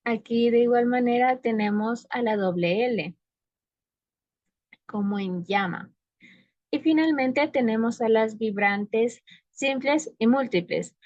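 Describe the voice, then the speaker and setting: Woman, student presenter, explanatory, dull low-fi sound. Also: slow pace, a little mellow, no room sound. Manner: explanatory, gives spoken examples. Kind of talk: class presentation.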